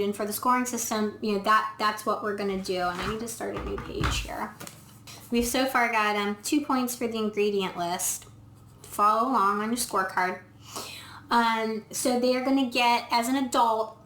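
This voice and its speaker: A woman veterinarian films herself in an indoor room, casually reviewing dog food and explaining step by step as she thinks aloud with frequent ums. Her voice is fairly high and fairly bright. The camera mic picks up an echoey room.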